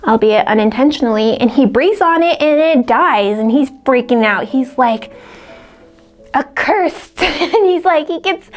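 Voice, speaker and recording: A woman's voice: sits high, animated, moderate pace, few pauses, faint music behind. A woman casually retelling a classic story for a book vlog, chatty and full of "like" and little laughs. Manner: chatty, heavy use of "like", laughs often. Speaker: book vlogger.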